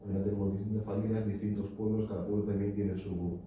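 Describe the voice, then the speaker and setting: A man's voice: on the low side, little pitch movement, quick pace, slight background noise. Hesitant young man asking from the floor. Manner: hesitant, many fillers and tag questions. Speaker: audience member asking a question. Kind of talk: question from the floor at a book talk. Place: lecture hall at a cultural society. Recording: echoey hall, distant and dull.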